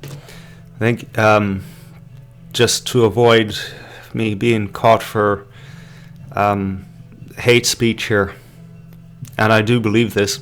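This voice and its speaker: An Irish man hosts a casual live-stream podcast, rambling in slow, halting commentary packed with fillers, restarts and the odd swear word. His voice sits somewhat low, and he drinks beer between thoughts. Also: little pitch movement, a bit bright, faint music behind. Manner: drinking beer while talking. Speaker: podcast host.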